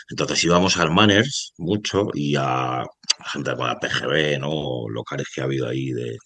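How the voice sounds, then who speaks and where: A man's voice: extremely low pitch, a bit bright, no room sound. A man from Spain in his forties, a rapper guest talking casually and rambling, full of slang and restarts. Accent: Spain Spanish. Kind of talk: casual interview talk.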